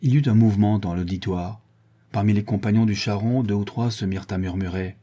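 A male narrator reads a classic novel in a calm, even storytelling manner. His voice is dark and mellow with a husky edge. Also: fairly low pitch, brisk. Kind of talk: audiobook narration.

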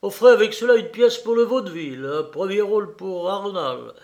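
A man voicing an excitable, boastful fencing master in an audiobook, loud and theatrical. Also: high-pitched, moderate pace. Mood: eager. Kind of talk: audiobook character voice.

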